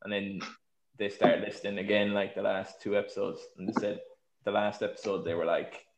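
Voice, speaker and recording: This is an Irish man with a fairly low voice and a lot of fry in it. He hosts in a loose, chatty way, full of slang and swearing, as if among mates. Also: little pitch movement, brisk, noisy background. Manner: sweary, colloquial. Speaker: podcast host. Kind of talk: casual chat.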